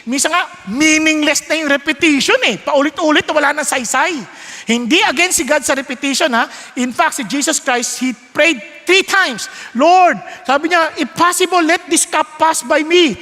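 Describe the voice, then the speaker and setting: Animated preacher guy, high bright voice, big reverby church hall. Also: moderate pace. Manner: animated storytelling, mixes Tagalog and English, acts out voices. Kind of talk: sermon.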